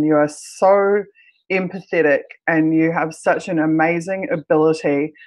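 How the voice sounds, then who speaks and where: Croaky froggy voice, mid-pitched host, earnest, halting, livestream address to supporters. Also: low-quality recording.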